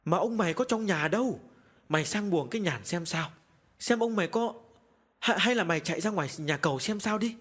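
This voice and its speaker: A frightened older mistress of the house, as a male narrator puts her on, raised well above his own voice. She calls out in alarm and stumbles over her words, with a husky edge, in a Vietnamese-style storybook horror reading. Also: high voice, animated, fairly quick, a bit bright, voice pushed up, full character voice. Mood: anxious. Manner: alarmed, calling out, stammering.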